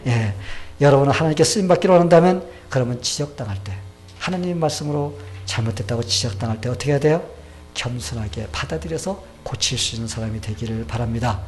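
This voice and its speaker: A man's voice: mid-range voice, fast, darkish tone, soft background music. A male pastor preaching a sermon, telling a story and asking the congregation questions.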